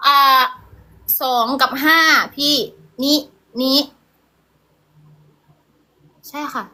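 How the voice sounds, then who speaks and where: A woman's voice: high-pitched, steady tone, takes it slowly, sharp tone, full character voice. A young woman with an Isan (Northeastern Thai) accent playing a flustered village girl in a comedy sketch, who pleads and stumbles over English words. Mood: fumbling.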